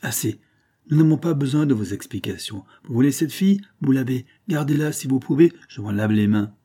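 A man's voice: mid-range voice, moderate pace, mellow, slightly rough, natural voice. A man voicing a sour, pious old spinster woman who answers sharply and defensively.

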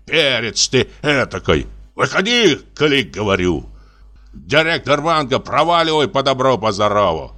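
A rowdy drunken brute in a mask, bellowing and jeering, his voice lively and bright as it swings around, as a man reading the story puts him on. He mocks everyone with booming laughs. A storybook bully through and through. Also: normal speed, soft background music. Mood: jeering swagger. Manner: boisterous, mocking, laughs loudly. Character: drunken swaggering masked man, rude and jeering.

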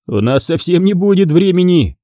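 A man's voice: high voice, big pitch swings, moderate pace, dark tone, no room sound, clean studio sound, voice pushed up. A man voicing a jovial, hearty middle-aged uncle in a storybook reading.

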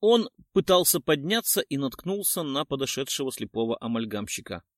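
A man's voice: medium pitch, very animated, brisk, no echo. A man narrating an audiobook in first person, wry and matter-of-fact, with slangy asides, on a close mic.

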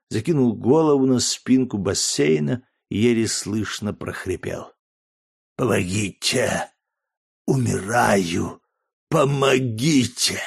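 A man narrating a historical novel in a steady, measured reading. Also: lowish voice. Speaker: audiobook narrator. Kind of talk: scripted narration.

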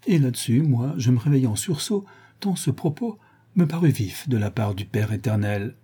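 A man narrating a literary tale in a measured, gently ironic reading. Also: medium pitch, lively intonation, husky. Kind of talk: audiobook narration.

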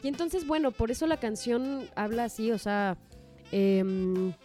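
A woman's voice: a little high, measured pace, mellow, soft background music. A woman with a Mexican Spanish accent, a singer-songwriter telling a story in a chatty, casual way and laughing between sentences.

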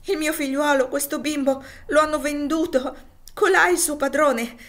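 A woman's voice: sits high, fairly even intonation, a little fast, pitched above the performer's own voice, natural voice. A woman voicing Elisa, a desperate young mother. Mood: desperate pleading. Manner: breathless, pleading.

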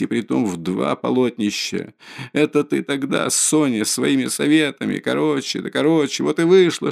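A man reading an audiobook, voicing a distraught, proud, impoverished widow who talks in a shrill, frantic, haughty way. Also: vocal fry, natural voice. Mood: scolding, frantic.

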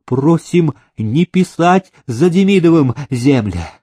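A desperate village elder who cries out his pleas in a story reading, as a man puts him on. His voice rises high with anguish while the reading stays slow and close to the mic. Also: expressive, dark tone, breathy edge, no room sound, exaggerated voice. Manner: pleading, crying out. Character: desperate male village elder pleading loudly.

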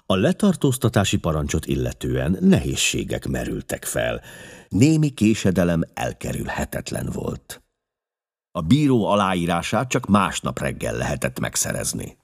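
A man narrating an audiobook story in a measured, expressive storytelling manner with a husky voice. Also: low voice.

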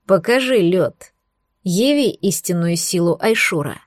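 A woman voicing a domineering young male werewolf in an audiobook, speaking low, hushed and slow. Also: animated, no room sound, clean studio sound. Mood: menacing. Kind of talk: audiobook character voice.

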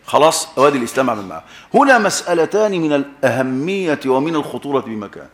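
A man's voice: medium pitch, big pitch swings, quick pace, a bit bright, reverberant. An Egyptian man preaching a sermon with an Egyptian accent, emphatic, repeating key words and quizzing his listeners.

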